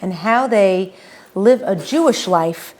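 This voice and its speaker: A woman's voice: medium pitch, animated, takes it slowly, a little mellow. Woman, podcast host, bubbly, laughs often, casual interview.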